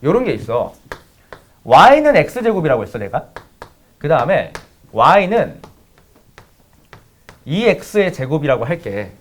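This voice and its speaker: A man's voice: fairly high pitch, big pitch swings, takes it slowly, long pauses. A man teaching math to students, mixing a blunt, profanity-laden personal story into a casual lecture. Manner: blunt, swears freely, talks straight to students.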